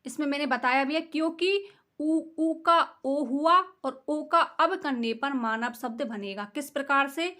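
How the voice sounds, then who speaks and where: Slow high-voiced woman teaching grammar. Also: sharp tone. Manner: slow and explanatory, asks questions and answers them herself. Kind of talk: grammar lesson.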